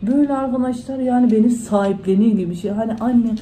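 A woman's voice: on the high side, fast, warm tone, a little hiss or hum, low-quality recording. A woman vlogger, chatting casually to her followers at home and retelling conversations in reported speech. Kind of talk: casual vlog talk to followers.

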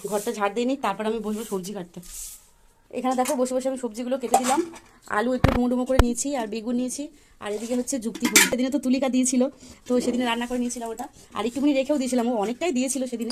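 A woman's voice: on the high side, background noise. A woman vlogging from her village home, chatting to viewers as she feeds animals and cooks. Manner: chatty, explains each cooking step to viewers. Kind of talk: casual cooking vlog narration.

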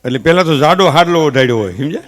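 A man with a Kathiawadi Gujarati accent, a stage comedian mixing folksy, animated stories with earnest advice. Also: on the high side, rapid-fire. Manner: folksy, animated storytelling with gestures; earnest advising. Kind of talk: humorous stage talk with advice.

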